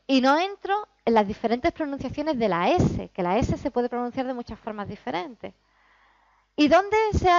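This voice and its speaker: A woman from Spain, explaining pronunciation as a teacher giving a talk, lively and demonstrating sounds. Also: sits high, dry recording, lo-fi sound. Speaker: Spanish teacher. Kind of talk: lecture to teachers.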